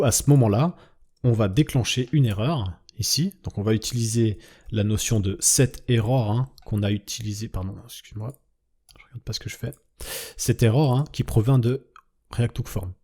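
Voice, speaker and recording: This coding teacher has a mellow, slightly rough voice on the low side. Sharing his screen, he explains each step, checks in with the viewer by asking "d'accord?", and thinks aloud while typing, letting sentences trail off.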